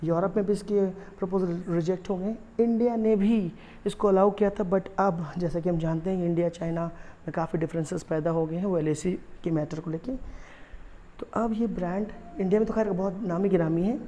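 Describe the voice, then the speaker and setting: Indian male pronunciation teacher, slow repeats. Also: high voice, steady tone, mellow, a little hiss or hum. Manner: explanatory, repeats each word slowly for emphasis; mixes Hindi and English freely. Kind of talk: online video lesson.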